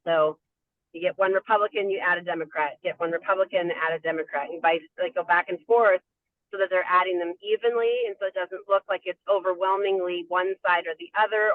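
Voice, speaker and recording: Sex: man. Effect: speakerphone from a moving car. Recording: tinny dry phone line. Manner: hesitant, restarts often. Pitch: high for a man. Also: dry recording. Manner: hesitant, many ums and restarts. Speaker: advocacy member calling in. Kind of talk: casual update on a conference call. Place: inside a car while driving.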